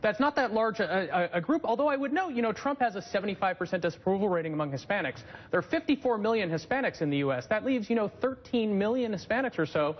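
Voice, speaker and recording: Fast, high-voiced male political analyst. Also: animated, lo-fi sound. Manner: brisk and analytical. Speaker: political journalist panelist. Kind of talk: cable news panel discussion.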